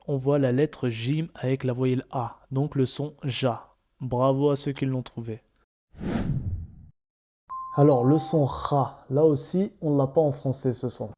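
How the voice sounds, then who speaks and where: Male teacher, slow patient delivery, mellow dark tone, walks learners through each example. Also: mid-range voice. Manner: patient, repeats each point, models sounds. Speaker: Arabic reading teacher. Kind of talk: step-by-step lesson narration.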